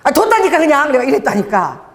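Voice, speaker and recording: A woman's voice: high voice, fast talker, in a large hall. A middle-aged woman pastor preaching a sermon, telling a story about her husband with acted-out dialogue and laughter. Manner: lively storytelling, acts out quoted dialogue, frequent laughter. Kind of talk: sermon with personal anecdotes. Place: church hall.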